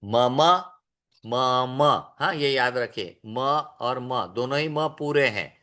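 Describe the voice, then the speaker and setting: Slow, deliberate male language teacher. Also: mid-range voice, pushed and bright. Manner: slow, drawn-out demonstration of pronunciation; mixes in English phrases. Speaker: Sanskrit teacher. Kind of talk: online class lesson.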